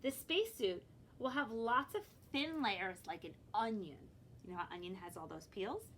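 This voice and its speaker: A librarian, a woman with a mid-range, fairly bright voice, reads a picture book to children in an animated, expressive way. She pauses to explain things and prompt her young listeners, with slight background noise present.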